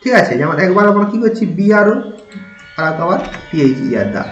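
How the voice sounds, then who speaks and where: High-voiced man teaching in an echoey room. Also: expressive, brisk, fairly bright tone. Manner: patient, spells words letter by letter, asks checking questions. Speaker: English teacher. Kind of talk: spoken English lesson. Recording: dull lo-fi sound in an echoey room with faint noise.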